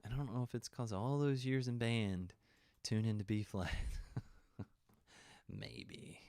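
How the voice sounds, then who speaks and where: A man who works as a music therapist, talking quietly and casually about songs on a live stream. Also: medium pitch, normal speed, clean tone, no room sound, studio quality.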